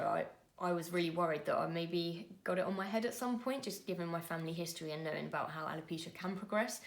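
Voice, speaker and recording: A woman, telling a personal story to camera in an earnest, conversational way with frequent pauses and fillers. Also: lowish voice. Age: 20s. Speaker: vlogger.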